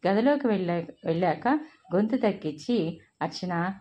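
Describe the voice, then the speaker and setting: A woman storyteller reading a family drama aloud in a steady, expressive narration. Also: fairly low pitch, moderate pace, highs cut off.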